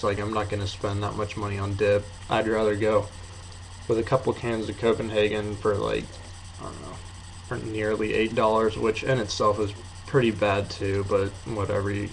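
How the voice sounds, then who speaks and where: Low, monotone young man with a packed lip. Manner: low-key, hesitant, offhand. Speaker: amateur video reviewer. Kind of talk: casual rambling review to camera. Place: apartment bedroom. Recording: noisy room sound.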